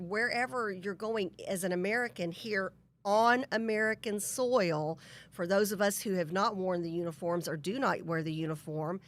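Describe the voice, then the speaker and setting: A woman's voice: on the low side, a bit bright. A woman hosting a talk radio interview, emphatic and stumbling over her words. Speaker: radio talk show host.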